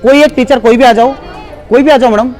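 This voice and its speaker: A man with a high voice presents a live demo at a school seminar, coaxing the children and slipping into English now and then. A faint murmur of the crowd sits behind him. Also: a little fast, a little mellow. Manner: coaxing, mixes in English phrases. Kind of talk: live demonstration speech to a school audience.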